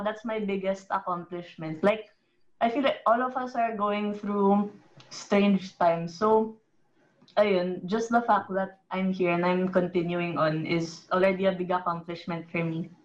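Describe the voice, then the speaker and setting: A young Filipino woman talks through her thoughts on a casual podcast, circling with fillers and mixing languages. Her voice sits at a middle pitch, and the recording sounds a little dull and lo-fi. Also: steady tone, moderate pace. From Philippines. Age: young adult. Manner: reflective, switching between English and Tagalog with many fillers. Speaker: former student organization president. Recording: slightly dull lo-fi audio.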